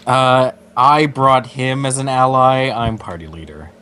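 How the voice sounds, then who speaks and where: A man's voice: mid-range voice, unhurried, sharp tone, a little hiss or hum. A man at a tabletop game, chatting and joking casually as one of the players.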